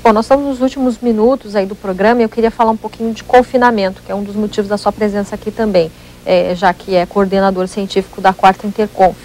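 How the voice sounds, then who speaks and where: A woman's voice: medium pitch, steady tone, quick pace, darkish tone, slight background noise, low-quality recording. A Brazilian woman hosting a TV interview, politely framing questions and moving the program along. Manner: polite, frames questions, brief agreement cues. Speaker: TV interview host.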